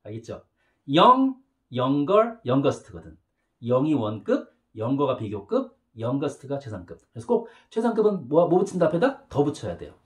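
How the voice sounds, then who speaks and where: A man teaching a beginner English lesson, chatty and lively, saying model phrases slowly for learners to repeat and often checking in with quick questions. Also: mid-range voice.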